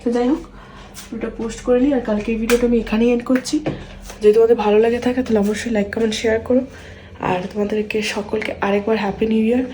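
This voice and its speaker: A young woman chats casually in a home vlog, talking softly and quietly with rambling fillers and restarts. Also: fairly high pitch, flat delivery, very fast, a little hiss or hum. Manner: speaks softly and quietly so as not to wake her sleeping son. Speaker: vlogger. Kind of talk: casual daily-life vlog chat.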